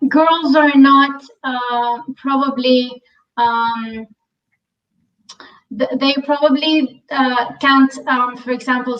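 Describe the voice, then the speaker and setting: A woman from Syria, a podcast guest, speaking thoughtfully with many ums and pauses. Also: sits high, a bit bright, recorded from a distance, lo-fi sound. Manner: thoughtful, many ums and uhs, self-questioning. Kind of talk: conversational interview.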